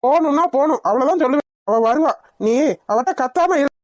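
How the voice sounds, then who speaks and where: A woman's voice: high-pitched, lively intonation, brisk, no echo, clean studio sound. A woman voicing a stern middle-aged father in a homemade cartoon, speaking firmly. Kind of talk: cartoon dialogue.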